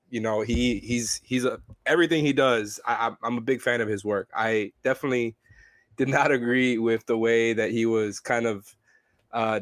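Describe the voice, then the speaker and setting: A man's voice: mid-range voice, no echo. Stuffy-nosed man, dry close sound. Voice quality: nasal. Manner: hedging, restarts often. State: stuffy nose from a cold. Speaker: podcast co-host covering the team. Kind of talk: casual sports podcast chat.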